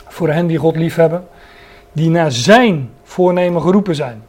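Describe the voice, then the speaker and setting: A man's voice: on the high side, moderate pace, a little mellow. A man preaching a Bible-teaching sermon, earnest, stressing key words and restarting his sentences.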